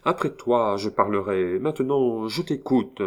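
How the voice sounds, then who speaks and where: A man's voice: lowish voice, lively intonation, a little slow, darkish tone, voice pushed up. A man reading the part of a determined young woman in a novel, speaking firmly and steadily. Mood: resolute. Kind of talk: read-aloud novel dialogue.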